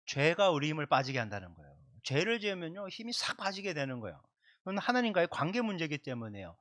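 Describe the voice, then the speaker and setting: Preaching a Sunday sermon with prayer, a man whose voice is a little high and a bit bright talks quickly with wide swings in pitch. He's emphatic, repeats himself, and speaks straight to the congregation at a livestreamed church service.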